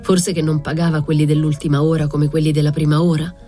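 A woman narrating a literary novel aloud in a measured, reflective way. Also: low-pitched, level tone, dark tone, soft background music. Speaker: audiobook reader.

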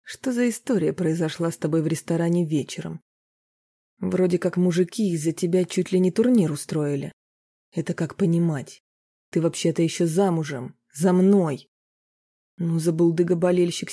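A reader voicing a jealous, domineering husband in an audiobook, scornful and shouting. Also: mid-range voice, moderate pace, husky. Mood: sneering. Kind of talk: audiobook character reading.

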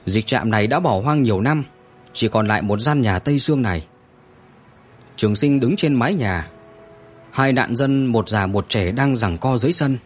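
Male storyteller, husky tone, lively expressive pitch for dramatic narration. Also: normal speed, soft background music.

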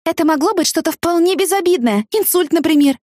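A woman voicing an anxious, fiery young woman fresh out of school, her pitch lifted well above the reader's own low voice. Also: lively intonation, fairly quick, a little mellow, no room sound, clean studio sound. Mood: indignant. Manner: pleading and indignant outbursts.

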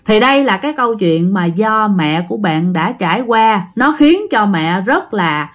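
A woman's voice: mid-range voice, normal speed. Casual woman storyteller. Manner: casual, animated retelling addressing listeners. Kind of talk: spoken ghost story narration.

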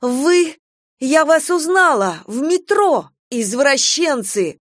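A woman's voice: high voice, very animated, unhurried, darkish tone, breathy edge, dry recording, studio quality, pitched above the performer's own voice, full character voice. A woman reading an audiobook, voicing a frightened, indignant young woman who shrieks in panic. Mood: accusing.

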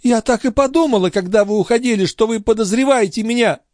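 A man's voice: very high-pitched, quick pace, darkish tone, no room sound, clean studio sound, voice pushed up. A man voicing a wily, sugary old female concierge who whines and protests indignantly. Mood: shrill indignant.

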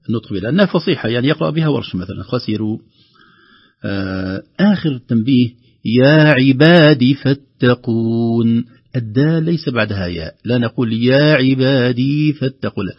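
A man with a slightly husky voice teaches the rules of Quran recitation in a calm, explaining tone. He slows down and chants each example phrase in a drawn-out way. The recording sounds dull and lo-fi. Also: lowish voice. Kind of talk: tajweed lesson with recited examples.

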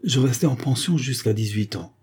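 A man's voice: mid-range voice, moderate pace, a little mellow, husky, voice pushed up. A man voicing a melancholy young woman accused of a crime, telling her story in a sorrowful then firm way.

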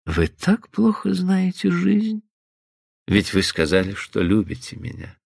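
A man voicing a commanding older businessman who speaks slowly and softly in a low, hushed voice. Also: wildly swooping pitch, gravelly, husky, dry recording, studio quality, exaggerated voice. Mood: coaxing. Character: powerful, commanding older businessman, coaxing and tender.

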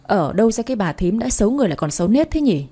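A woman's voice: mid-range voice, fairly quick, mellow, close to an everyday voice. A woman voicing a rebellious teenage boy, the class troublemaker, speaking in a sneering, bossy way in a storybook reading. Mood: defiant.

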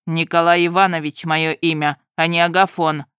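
Female narrator putting on a gruff young nobleman, stern and scolding, lowered voice, dry close recording, storybook. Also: flat delivery, normal speed, fairly bright tone, no echo.

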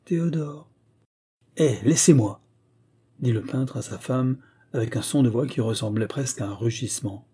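A man reading a classic novel aloud as an audiobook narrator, in a measured, grave way. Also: mid-range voice, steady tone, mellow, slightly rough. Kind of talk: scripted literary narration.

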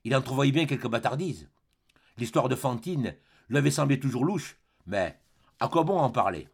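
A man reading a classic novel aloud as an audiobook narrator, measured and expressive. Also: medium pitch, vocal fry, breathy edge. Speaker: audiobook reader.

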